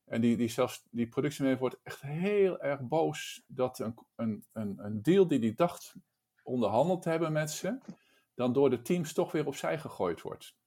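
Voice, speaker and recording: A man's voice: medium pitch, expressive, moderate pace, warm tone. A man leading a discussion, speaking thoughtfully and often restarting his phrases. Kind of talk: casual discussion.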